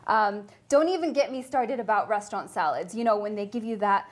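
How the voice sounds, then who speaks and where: A young Californian woman studying dietetics presents a cooking segment in a studio kitchen, speaking straight to camera with upbeat energy. Her voice is medium-pitched and a little fast.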